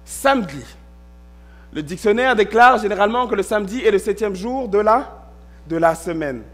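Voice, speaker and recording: A man with a notably high voice for a male speaker preaches from a church pulpit. He reads a passage aloud and then explains it in small, methodical steps, pausing to check in with his listeners. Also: animated, fairly bright tone. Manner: reads scripture, then explains step by step with frequent "ok". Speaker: pastor. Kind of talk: sermon.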